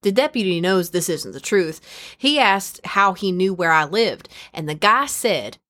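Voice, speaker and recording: A woman's voice: on the low side, animated, unhurried, fairly bright tone. A young woman hosting a podcast, chatting frankly, swearing casually and reading listener stories and ads aloud. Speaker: podcast host.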